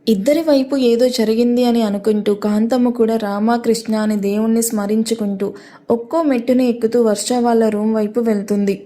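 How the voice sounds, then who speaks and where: Woman storyteller, mellow and slightly high-pitched, steady expressive read. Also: a little fast. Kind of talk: scripted story narration.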